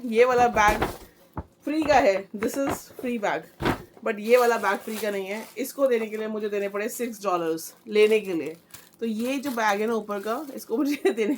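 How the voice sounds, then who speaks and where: A young woman chatting through an excited unboxing vlog, mixing in English phrases. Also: medium pitch. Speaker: vlogger.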